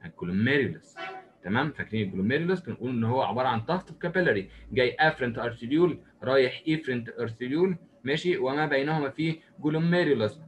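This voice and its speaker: Rapid-fire Egyptian man lecturing. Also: medium pitch, a little hiss or hum. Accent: Egyptian Arabic. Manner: asks and answers his own questions in a lively, joking way. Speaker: medicine lecturer. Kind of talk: recorded lecture explaining while drawing.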